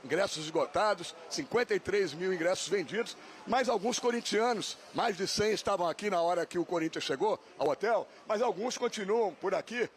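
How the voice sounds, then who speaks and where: A man reporting live on location and interviewing a fan, in a brisk, lively manner. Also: sits high, a little hiss or hum. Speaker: field reporter.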